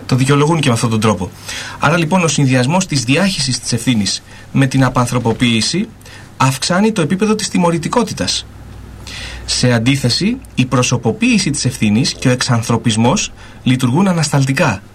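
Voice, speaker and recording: A man's voice: medium pitch, expressive, slight background noise. Lecturing male radio panelist. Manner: lecturing, listing points one after another. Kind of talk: explanatory radio discussion.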